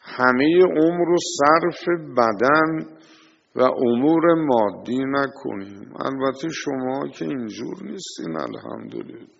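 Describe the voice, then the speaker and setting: A man preaching a sermon, speaking slowly and emphatically, drawing out phrases and reciting verses and poetry. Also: medium pitch, sing-song, vocal fry. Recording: dull reverberant hall, faint hiss.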